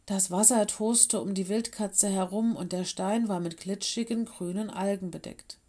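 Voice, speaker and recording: A woman reading a children's story aloud in a calm, gentle storytelling voice. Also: medium pitch, moderate pace.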